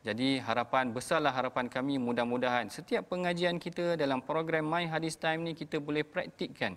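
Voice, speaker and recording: A man's voice: a little high, fairly quick, fairly bright tone, in a large hall. Man hosting a religious show. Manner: explanatory, addresses viewers directly. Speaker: host. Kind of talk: religious TV program.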